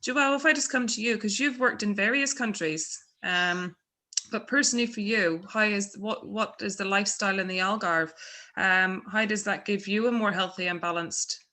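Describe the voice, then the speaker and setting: A woman's voice: mid-range voice, moderate pace, sharp tone. A woman from Ireland, moderating a webinar panel in a chatty, conversational way. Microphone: video call.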